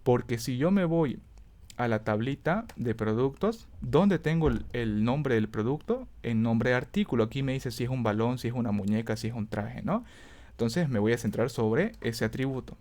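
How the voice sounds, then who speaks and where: Man, teacher, mid-pitched voice, screen-recorded lesson, step by step, checks students follow, self-correcting, keyboard typing behind. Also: lively intonation, normal speed, darkish tone. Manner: self-correcting, thinks aloud.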